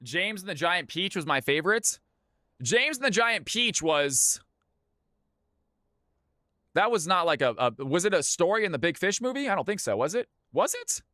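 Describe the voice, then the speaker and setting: Bright-voiced man hosting a livestream. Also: high-pitched, very animated, moderate pace, long pauses, no echo, studio quality. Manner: chatty, informal, repeats phrases, addresses viewers as folks and big dog. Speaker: livestream host running community custom games. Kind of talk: livestream chat and game-lobby announcing.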